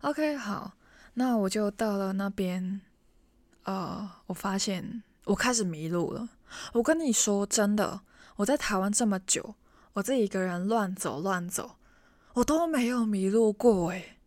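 A woman telling a story in a chatty, animated way and talking straight to the listener. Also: mid-range voice, measured pace, no room sound, clean studio sound. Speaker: vlogger. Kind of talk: casual storytelling to camera.

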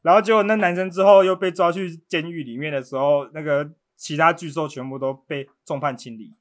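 A man's voice: on the high side, steady tone, a little fast. A man hosting a podcast, teasing and goading his guest in casual chat. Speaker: podcast host.

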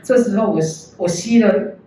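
A woman tells her faith testimony with earnest emotion, her voice mellow and dark in tone. She is recorded from well back in a church hall, so her words ring with heavy echo and a faint hiss underneath. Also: medium pitch, moderate pace. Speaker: church member giving testimony. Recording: very echoey hall, mic far off.

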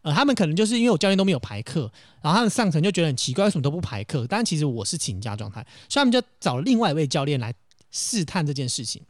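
A man's voice: on the high side, sing-song, racing, no echo, studio quality. A man co-hosting a podcast, animatedly telling stories in casual chat and acting out the phone calls he retells. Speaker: podcast co-host.

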